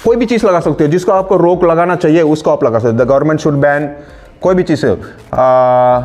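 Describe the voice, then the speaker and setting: Man, English teacher, fairly high voice, slow explanations, faint music behind. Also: darkish tone. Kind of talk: online spoken-English lesson in Hindi.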